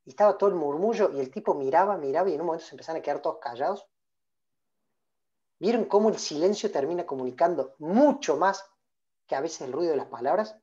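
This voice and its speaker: Orador rioplatense de unos cuarenta, tono de taller interactivo, pregunta y nombra al público; audio apagado de videollamada. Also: male voice, on the high side, animated, quick pace, warm tone, highs cut off. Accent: Rioplatense Spanish. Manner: engaging, calls on listeners by name, many questions. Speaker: public speaking trainer. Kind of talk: interactive online workshop talk. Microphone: video call.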